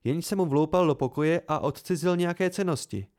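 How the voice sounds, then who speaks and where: A man voicing a brisk, dryly teasing young woman healer in a read-aloud novel. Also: fairly high pitch, a little mellow, pitched above the performer's own voice, natural voice.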